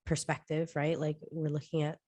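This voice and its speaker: A woman's voice: sits low, monotone, normal speed, a little mellow, no echo. A woman co-hosting a casual podcast, jokey and self-deprecating, sounding very nasal and congested from being sick, as if her nose were pinched. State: sick with covid. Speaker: podcast co-host.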